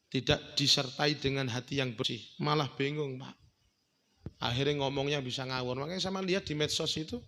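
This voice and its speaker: A male preacher, giving a lively, joking sermon at a family celebration and sometimes chanting. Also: fairly high pitch. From Indonesia. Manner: animated, humorous, addresses the audience as "Pak", chants the call to prayer. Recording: echoey hall.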